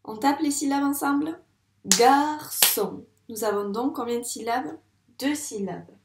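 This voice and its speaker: A woman teaching a reading lesson to young children in a patient, encouraging way, sounding out words slowly at the board. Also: high-pitched, darkish tone, reverberant, slight background noise. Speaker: primary school teacher. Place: classroom with a board.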